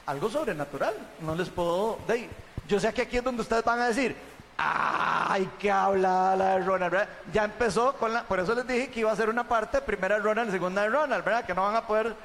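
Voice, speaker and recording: Un hombre con acento costarricense da su testimonio ante una congregación, contándolo de forma animada y conversada, con muletillas frecuentes. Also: male voice, high-pitched, quick pace, big-room sound, slight background noise. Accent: Costa Rican. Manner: chatty, animated storytelling, tags sentences with "¿verdad?". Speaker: church member giving testimony.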